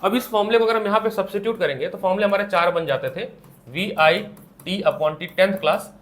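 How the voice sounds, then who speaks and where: A man's voice: high voice, brisk, fairly bright tone. A young man with an Indian accent teaching a physics class, asking questions and answering them himself. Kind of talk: classroom lecture. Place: classroom with students.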